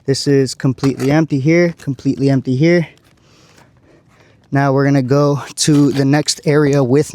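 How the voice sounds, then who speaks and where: A man working as a roofer, talking through a shingle repair step by step, his voice going hoarse after a long day. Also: a little high, a little mellow. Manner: careful, explaining each step. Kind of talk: on-site repair walkthrough. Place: on a rooftop outdoors.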